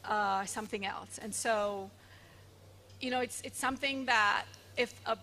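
A woman speaking as a panelist at a conference, explaining points in a measured way with occasional fillers, on a handheld microphone. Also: mid-range voice, pushed and bright, faint music behind. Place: large conference hall stage.

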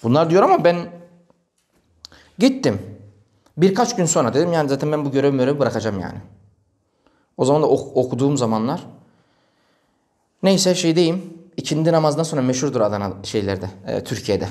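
A man's voice: fairly high pitch, a little fast, pauses often. A male preacher telling a story in a religious talk, acting out the dialogue. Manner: animated, acts out quoted dialogue.

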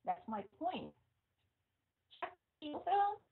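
A woman with a Vietnamese accent teaching English pronunciation, repeating words slowly and switching between English and Vietnamese. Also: high-pitched, very animated, creaky. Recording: muffled, phone-like lo-fi audio.

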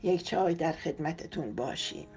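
A woman's voice: low-pitched, expressive, darkish tone, soft background music. Woman playing a composed, courteous man. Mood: calm. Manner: composed, polite. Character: dignified, courteous older brother, gentle.

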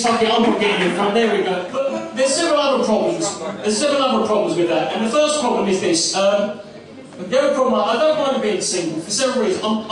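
Brash high-voiced comedian on an echoey stage. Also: male voice. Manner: brash, profane, self-mocking. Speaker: stand-up comedian. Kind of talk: stand-up routine. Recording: echoey live room from far off, crowd. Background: audience laughter.

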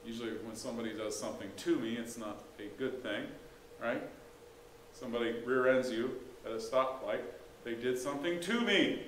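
A man's voice: mid-range voice, normal speed, a bit bright. Conversational male pastor in echoey church. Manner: conversational, folksy asides and rhetorical questions. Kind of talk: sermon. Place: church sanctuary. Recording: echoey church room, faint background hiss.

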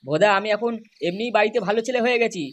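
A woman's voice: mid-range voice, very fast, lightly acted. A woman voicing a crude, swearing young man in a comic cartoon. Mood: rowdy. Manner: swearing, loud.

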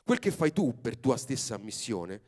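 A man's voice: medium pitch, very animated, normal speed, warm tone, voice pushed down. A man voicing a pompous, grumpy old ape-man uncle who lectures with contempt, in a live reading with music. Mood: scornful. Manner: scornful, thundering, lecturing.

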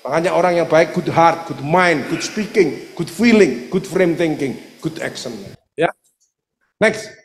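A man with an East Javanese accent, a doctor giving an animated religious health seminar talk, acting out dialogues. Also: fairly high pitch, measured pace. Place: seminar hall. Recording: echoey hall reverb.

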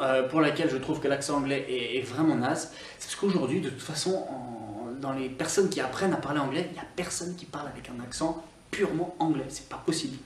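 A man's voice: on the high side, echoey room, recorded from a distance, a little hiss or hum. A Scottish man who teaches English online, ranting to camera in a teasing, mock-serious way with lots of fillers and restarts. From Scotland. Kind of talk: opinionated vlog to camera.

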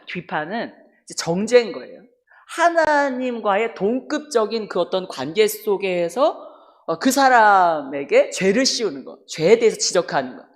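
A middle-aged woman pastor giving a sermon, telling a personal story and acting out the people in it. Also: on the low side. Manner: animated storytelling, acts out quoted dialogue.

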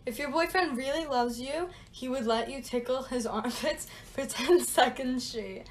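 A young woman with a high voice and an unhurried pace, giggly and teasing. She talks casually and playfully, as in a social media challenge clip, with slight noise behind her.

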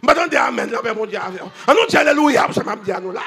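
High-voiced preacher, shouting and hushing. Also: male voice, animated, quick pace, vocal fry, husky. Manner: swings between shouting and hushed storytelling. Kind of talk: sermon. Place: church convention.

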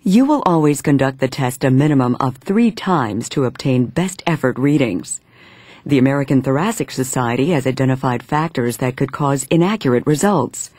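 A man reading scripted instructional narration in a measured, step-by-step manner. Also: medium pitch, a little mellow, dry recording.

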